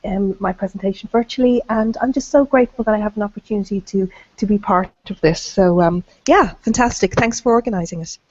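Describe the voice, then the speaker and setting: A woman speaks with a croaky, frog-like hoarseness from bronchitis. Her voice is mid-pitched and comes through a dry, dull video call. She introduces herself in a casual way. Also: brisk, few pauses, a little mellow, no room sound. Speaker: virtual conference participant.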